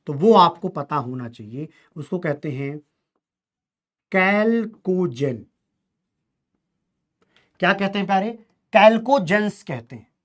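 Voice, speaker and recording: A male chemistry teacher lecturing a class, drilling students with call-and-response questions in a colloquial, teasing way. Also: sits high.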